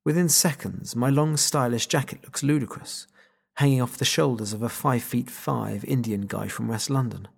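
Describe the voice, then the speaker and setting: A man narrates a novel in the first person with a wry, sardonic edge. His voice is mid-pitched and gravelly, with a husky grain that stays under every line. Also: normal speed. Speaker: audiobook narrator.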